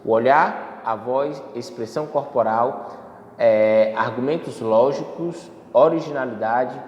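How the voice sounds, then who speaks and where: A man's voice: medium pitch, unhurried, a little mellow, muffled recording. A man teaching a lesson on public speaking, explaining step by step with frequent fillers and self-corrections. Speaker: instructor. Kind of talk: spoken lecture on public speaking. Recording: echoey hall, faint ambience.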